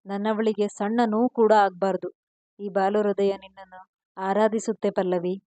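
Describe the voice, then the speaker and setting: Storybook read: tender young husband voiced by a woman, gentle, low-key, mellow. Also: flat delivery, normal speed, dry recording, lightly acted.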